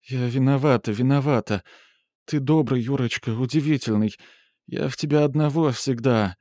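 A man's voice: mid-range voice, moderate pace, darkish tone, no echo, clean studio sound, close to an everyday voice. A man voicing a frightened, tearful young woman who pleads breathlessly and whimpers for forgiveness. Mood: begging.

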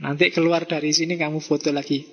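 A man's voice: on the high side, fast talker, breathy edge, highs cut off. Javanese-accented man lecturing in a reverberant hall. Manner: lively, mixes in Javanese, acts out quoted messages. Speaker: philosophy lecturer. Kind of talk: lecture to students. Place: mosque hall.

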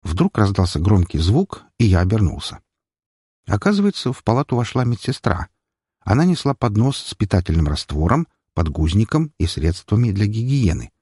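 A man narrating an audiobook in an expressive, lively reading. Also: on the low side, moderate pace, husky, dry recording, studio quality.

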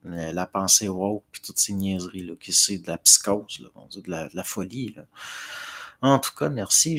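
This is a middle-aged man with a Québécois accent who hosts a livestream, reading out viewer comments and answering them. His voice sits low and gravelly, with a husky edge. He talks in a loose, hesitant way, doubling back and filling pauses as he goes. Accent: Québécois French. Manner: hesitant, many fillers and restarts, talking to chat. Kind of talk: casual rambling chat.

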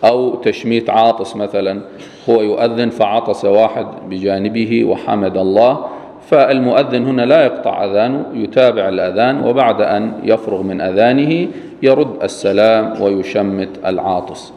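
Low-voiced man teaching religious law. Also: dark tone, long reverb tail. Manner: reads a line of text slowly, then explains it plainly. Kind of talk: recorded lecture explaining a text.

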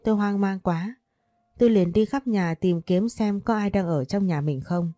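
A woman's voice: mid-range voice, moderate pace, warm tone, no room sound, faint music behind. A woman narrating a first-person romance story in an earnest, emotional way.

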